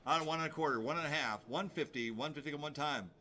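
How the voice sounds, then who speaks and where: Bright-voiced man doing an auctioneer chant. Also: fairly high pitch, quick pace. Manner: sing-song repetition of numbers. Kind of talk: rapid rhythmic auctioneer chant, repeating bids.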